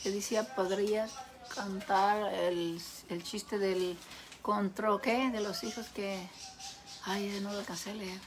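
A woman's voice: mid-range voice, fairly even intonation, slow pace, slight background noise. A Mexican woman hosting a live cooking show, chatting casually with viewers and telling folksy jokes with a laugh.

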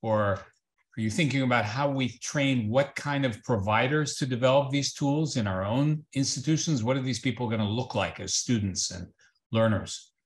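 A man in his fifties moderating a panel over a video call, halting and full of restarts as he asks questions. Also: medium pitch. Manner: hesitant, many fillers and restarts.

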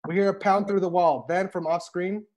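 A man in his thirties reads stage directions as scripted narration for a comedy table read, joining a video call through wired earphones. His high voice is a little mellow, with fairly even intonation at normal speed.

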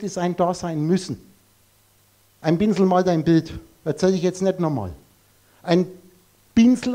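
Guy lecturing a crowd, kinda high voice, blunt, keeps firing questions at them. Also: a little mellow. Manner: emphatic, blunt, heavy on rhetorical questions. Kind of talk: live lecture to an audience.

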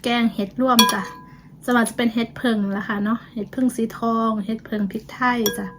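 A woman's voice: a little high, flat delivery, fast, heavy background noise. A woman with an Isan Thai accent chatting casually for her vlog while she eats, humming as she tastes the food. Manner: chatty, tasting food with murmured hums. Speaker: vlogger.

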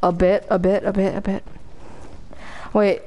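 A woman chats casually while playing a co-op game. She has a hyped gamer bro manner, full of slang. Her voice sits at a middling pitch. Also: flat delivery, unhurried, warm tone. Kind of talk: casual gaming chat.

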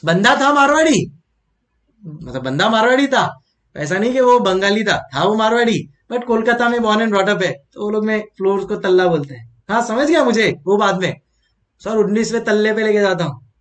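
A man lectures an accountancy exam class. His voice sits high for a man, and he keeps it playful and chatty, slipping into stories and throwing questions at his students. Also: animated, moderate pace, fairly bright tone. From Mumbai, India. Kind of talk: classroom lecture with personal storytelling.

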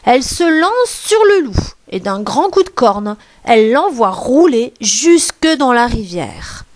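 Woman, high lively voice, slow storybook reading, dry close sound. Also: dry recording. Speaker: teacher reading a picture book. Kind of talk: storybook read-aloud for young children.

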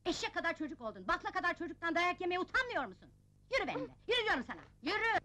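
Shrill old landlady, super high voice that swoops all over, scolds nonstop. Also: very animated, very fast, bright, forceful tone, heavily acted. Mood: scolding. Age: older. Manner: scolding, shrill, dramatic outbursts. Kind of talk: 1980s film comedy acting.

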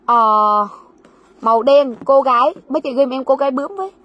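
A livestream seller speaks briskly in a high-pitched voice over lo-fi sound from a warehouse. Her fast sales patter is repetitive, restating sizes and prices and encouraging viewers to write down their orders.

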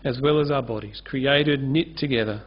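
Speaking at a moderate pace in a medium-pitched voice, this male pastor delivers an earnest sermon with free gestures at a lectern mic. He stands on a church stage backed by a curtain, captured in a dull, lo-fi recording.

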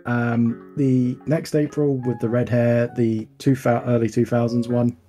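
Mellow man in his thirties. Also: mid-range voice, level tone, a little slow, faint music behind. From England. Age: 30s. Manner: easygoing, chuckling, rambling. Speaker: guest. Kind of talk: casual chat.

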